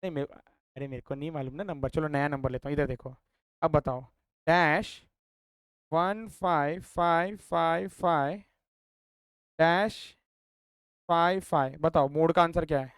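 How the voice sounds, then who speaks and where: A man with an Indian accent teaching a maths class, quizzing his students with quick questions. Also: a little high, steady tone, smooth, dry recording, clean studio sound. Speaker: maths tutor. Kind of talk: classroom lecture.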